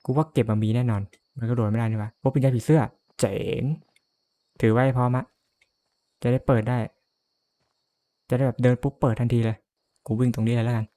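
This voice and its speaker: A man's voice: medium pitch, fairly even intonation, brisk, pauses often, warm tone, no echo. Jumpy man swearing through a horror game. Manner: jumpy, swearing, nervous laughter. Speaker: gamer.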